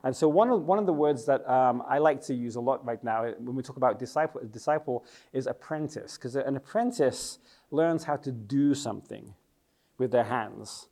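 Speaking at a normal pace in a mid-range, dark-toned voice, a middle-aged English youth worker and church leader leads a lesson. He keeps it light with jokes and chat and often quizzes the people listening.

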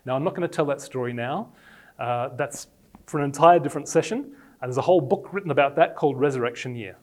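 Speaking at medium pitch, a forties-aged Australian with traces of both Australian and English in his accent addresses a congregation with a personal sermon, telling animated stories at his own expense.

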